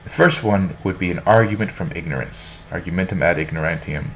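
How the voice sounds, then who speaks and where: Casting: a deep-voiced young man teaching a class, relaxed and rambling, lots of ums and self-corrections. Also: a little fast, a little hiss or hum. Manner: casual, rambling, frequent fillers and restarts. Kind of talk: informal classroom lecture.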